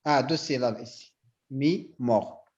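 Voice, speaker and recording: A man's voice: medium pitch, takes it slowly, darkish tone. Moroccan man objecting, lo-fi. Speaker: student. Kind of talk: classroom discussion. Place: university classroom.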